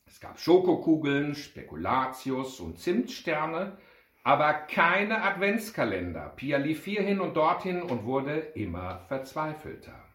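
A man's voice: fairly high pitch, sing-song, a little slow, fairly bright tone. A man expressively reading a children's story aloud, then addressing his friends. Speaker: reader and club speaker. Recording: roomy echo.

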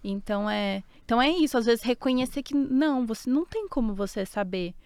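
A woman reasoning aloud in a relaxed conversation, leaning on fillers as she works out her view. Her voice is smooth and resonant. The sound is dry and close. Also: on the high side, brisk, no room sound. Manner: thoughtful, hedging with fillers. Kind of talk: casual podcast discussion.

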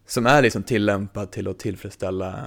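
A man's voice: fairly low pitch, creaky. A man who works as a DJ, chatting casually in a rambling way with lots of fillers. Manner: relaxed, rambling, many fillers. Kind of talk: casual chat.

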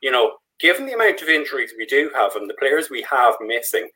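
A man hosting a casual sports fan podcast, relaxed and friendly, with frequent restarts. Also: mid-range voice, brisk, rough recording. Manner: relaxed, stumbles and restarts, friendly shout-outs. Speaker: podcast host.

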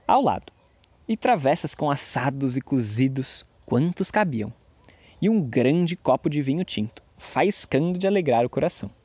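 A man's voice: fairly high pitch, no echo. Man reading a fairy tale, dry sound. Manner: expressive storytelling with voices. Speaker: narrator.

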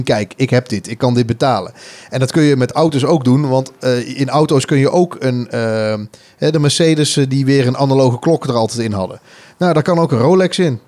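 A man's voice: mid-range voice, darkish tone. A man co-hosting a podcast, thinking aloud in casual chat with frequent hesitations. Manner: musing, many fillers and restarts. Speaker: podcast co-host. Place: office studio.

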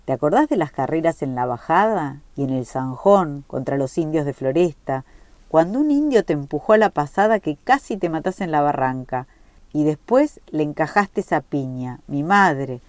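A woman's voice: low voice, animated, normal speed, a little mellow, no echo. A woman reading a story aloud, voicing an exuberant, rambling young working-class man. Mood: boisterous.

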